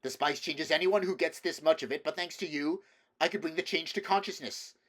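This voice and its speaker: Reading an audiobook, a man voices an intense teenage boy who lurches between anguished shouting and cold, tightly controlled speech. His natural voice is medium in pitch and pushed up, delivered at a normal speed.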